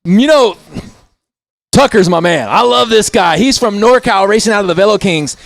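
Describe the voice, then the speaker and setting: A man with a fairly high voice calls a bike race live. He is from Indiana and talks in a chatty, folksy way, full of shout-outs and asides. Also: lively intonation, a little fast, creaky, dry recording. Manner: chatty, folksy, keeps saying "if you will". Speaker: race commentator.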